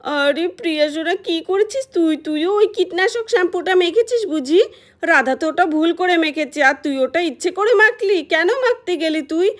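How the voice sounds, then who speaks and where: A woman's voice: extremely high pitch, lively intonation, normal speed. A woman voicing a worried mother in a doll story, exclaiming and scolding.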